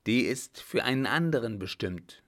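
A man's voice: medium pitch, expressive, normal speed, fairly bright tone. A man reading aloud and voicing a cheeky, loyal young male servant who talks in a jaunty, plain-spoken way.

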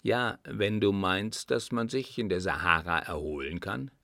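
A man's voice: low voice, measured pace, creaky, bright, forceful tone, no echo, studio quality, full character voice. A man voicing a young officer with teasing, ironic humour in an audiobook. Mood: calm teasing. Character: young male officer, dryly joking adventurer. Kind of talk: audiobook dialogue reading.

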